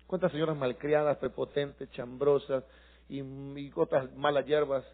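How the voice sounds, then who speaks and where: A middle-aged male pastor, preaching a sermon that swings from quiet confiding talk to passionate shouting. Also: a little high, narrow, tinny audio.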